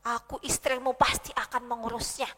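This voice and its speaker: A woman's voice: a little high, level tone, a little fast, bright, forceful tone, voice pushed down. A woman voicing a scheming queen who coaxes and commands her husband in a children's Bible story. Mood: assured. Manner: coaxing and commanding. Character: scheming coaxing queen, wife of the king. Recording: long hall reverb.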